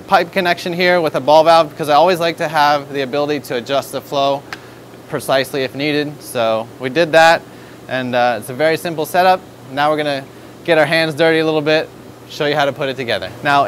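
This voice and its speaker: A man's voice: a little high, fairly bright tone, a little hiss or hum. A man in his thirties with an American accent, upbeat and instructive as he demonstrates aquarium setup in a store showroom on a lapel mic. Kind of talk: product demonstration tutorial.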